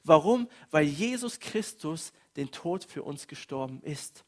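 A man delivering a sermon with earnest emphasis. His voice sits a bit higher than most men's. He rises and falls as he acts out quoted lines. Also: expressive, a little slow, darkish tone. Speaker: preacher.

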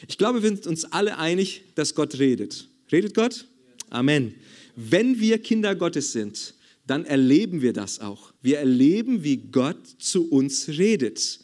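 A man's voice: a little high, sing-song, measured pace, darkish tone. A man preaching a sermon in a church service, emphatic and repetitive, calling for amens.

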